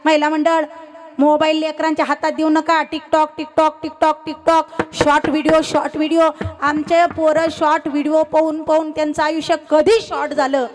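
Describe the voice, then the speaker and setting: A young woman kirtan preacher, giving a loud, animated devotional sermon before a live audience, teasing and telling stories. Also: sits high, moderate pace. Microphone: sound system microphone.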